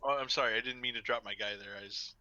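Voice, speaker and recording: A man's voice: medium pitch, steady tone, racing, bright, forceful tone, no room sound. A man playing a tabletop game, joking and restarting his sentences. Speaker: player. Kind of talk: casual tabletop game chat. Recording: dull lo-fi mic.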